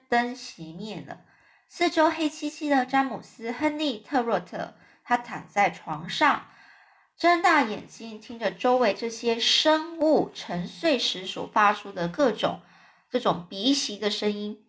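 A woman reading a children's story aloud in a lively, chatty way, adding casual fillers. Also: on the high side.

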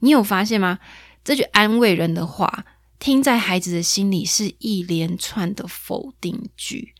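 A woman's voice: measured pace, no echo, clean studio sound. A woman, hosting a casual parenting podcast in a chatty, playful way. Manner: chatty, playful, acts out quoted lines in a higher voice. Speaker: podcast host.

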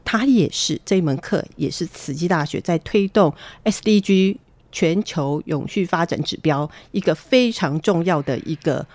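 A woman's voice: fairly low pitch, normal speed, a little mellow, no room sound. A woman guest explaining university teaching work in conversation, with frequent hesitation fillers.

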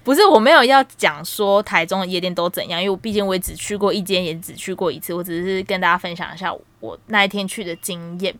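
A woman of about thirty, co-hosting a casual chat and telling stories in an animated way with frequent laughter. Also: fairly low pitch, fast talker, hardly any pauses, dry recording. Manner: animated storytelling, laughs a lot. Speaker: podcast co-host.

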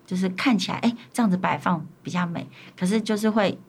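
A woman's voice: on the low side, quick pace, creaky, slightly rough. Chatty woman teacher giving interview answers. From Taiwan, Paiwan community. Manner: chatty, acts out little quoted exchanges. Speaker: elementary school teacher and administrator.

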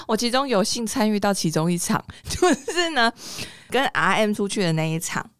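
A woman with a Taiwanese Mandarin accent telling a story in casual podcast chat, animated and expressive. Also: medium pitch, moderate pace, dry recording, studio quality. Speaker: podcast co-host.

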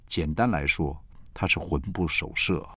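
A man's voice: extremely low pitch, unhurried, fairly bright tone, no room sound, clean studio sound. A man hosting a show and telling a first-person anecdote, acting out the dialogue with friendly teasing. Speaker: host and storyteller.

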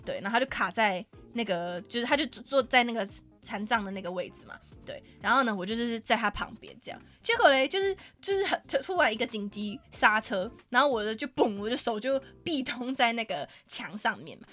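Fast, lively Taiwanese woman storyteller. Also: on the high side, faint music behind. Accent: Taiwanese Mandarin. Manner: animated storyteller, swears freely. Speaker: podcast co-host. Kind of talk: casual podcast chat.

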